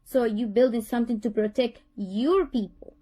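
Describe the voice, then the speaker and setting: This is a tense parent-teacher call in which a middle-aged woman from Honduras, with a Honduran Spanish accent, pleads earnestly and keeps repeating and restarting her sentences. She speaks at a normal rate in a fairly high voice with a dark tone.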